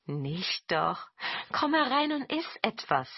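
A woman's voice: medium pitch, big pitch swings, takes it slowly, husky, dry recording, highs cut off, pitched above the performer's own voice, full character voice. A woman voicing a sly female fox spirit disguised as a young sister, coaxing and then cursing. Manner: pleading, then shrieking curses.

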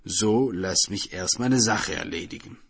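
A man's voice: on the low side, a little slow, gravelly, a bit bright, slightly rough, exaggerated voice. Man voicing a scheming demon in human disguise. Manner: argumentative, plotting.

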